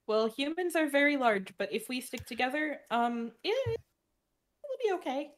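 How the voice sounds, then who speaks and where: Hesitant, higher-voiced woman player. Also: moderate pace. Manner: hesitant, questioning. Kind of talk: tabletop role-play.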